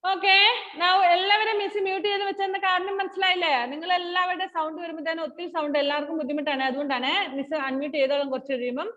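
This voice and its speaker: A woman with a high, bright voice runs an online class for small children, calling each by name in a coaxing, affectionate way. The sound is muffled, as over a video call, with a long echo trailing behind her. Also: flat delivery, fast. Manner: coaxing, affectionate, mixing Malayalam and English. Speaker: teacher.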